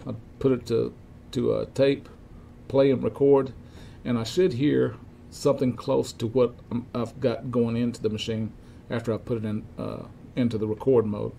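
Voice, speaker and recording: In a cluttered indoor electronics workshop, an older repair technician with a mid-range voice demonstrates equipment checks. He explains each step informally, in a halting, methodical way. The recording is clear, with steady room noise in the background.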